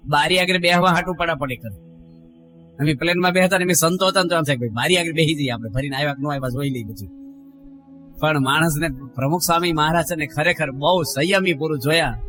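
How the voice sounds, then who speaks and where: A middle-aged man, a monk giving a sermon full of stories and acted-out quotes. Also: on the high side. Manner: storytelling, acting out quotes, rises and drops in voice. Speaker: monk giving a religious discourse. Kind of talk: sermon with anecdotes.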